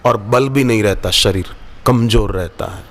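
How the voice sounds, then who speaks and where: At an ashram gathering, a spiritual teacher gives a devotional sermon, telling stories, quoting Sanskrit verses and acting out bits of dialogue. His fairly low voice is a bit bright and keeps a measured pace.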